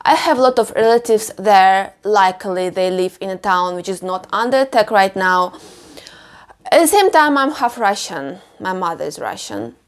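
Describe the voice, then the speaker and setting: In a personal vlog voice-over, a clothing customization creator from Ukraine talks slowly, haltingly and with emotion. Her mid-range voice is expressive.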